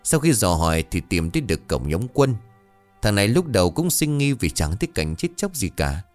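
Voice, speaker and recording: Male storyteller, low voice, very animated narration over soft music. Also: a little fast. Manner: lively expressive storytelling.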